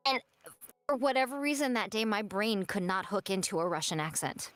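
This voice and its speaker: A woman's voice: mid-range voice, lively intonation, normal speed, a bit bright, dry recording, faint music behind. Chatty woman voice actress, dry sound. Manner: chatty storyteller, laughs often. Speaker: voice actress, guest. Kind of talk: casual stream chat.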